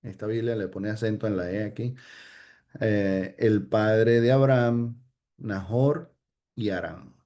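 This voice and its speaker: A man's voice: lowish voice, slow pace, warm tone. A man teaching an informal Bible study, hesitant, with many fillers and restarts, often checking in with "ok?".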